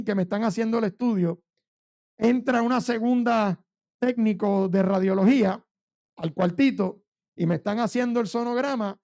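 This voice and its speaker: A male pastor preaches to his church, weaving a fervent personal testimony and calling his listeners brother. His voice sits high for a man, with a gravelly, creaky edge. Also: darkish tone.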